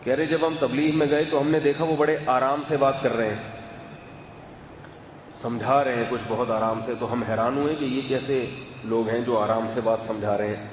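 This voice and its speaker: A male preacher talks in a relaxed, chatty manner, turning to his listeners with asides. His voice sits in the middle range and rings through a roomy hall with a long echo. A faint hum lies under the talk. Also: mid-range voice. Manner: calm, chatty, asides to the audience. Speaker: religious scholar giving a talk. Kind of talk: conversational religious talk.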